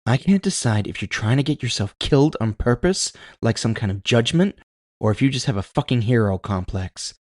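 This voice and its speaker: In an audio story, a man voices a fierce, blunt but caring tough woman who swears and challenges others, sounding angry. He pitches his natural, medium-pitched voice above his own, with lively intonation, a slightly mellow quality and normal speed. The sound is clean studio audio with no room sound.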